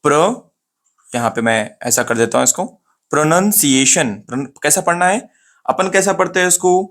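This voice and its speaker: Man drilling pronunciation, slow and repetitive. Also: on the high side, lively intonation, fairly bright tone. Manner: repeats words slowly to model pronunciation, asks and answers himself. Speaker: English pronunciation teacher. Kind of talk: casual spoken lesson to camera.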